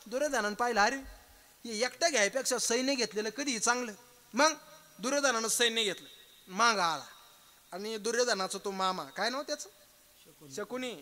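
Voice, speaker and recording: A male kirtan preacher telling a devotional story, talking straight to the audience and acting out the characters as he goes. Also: very high voice. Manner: lively, acts out characters in the story; addresses the audience directly.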